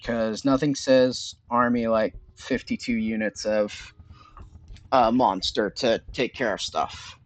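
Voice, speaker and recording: A man's voice: medium pitch, fairly even intonation, slow. A man giving casual, rambling commentary over a strategy game. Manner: offhand, rambling with fillers. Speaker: gameplay commentator.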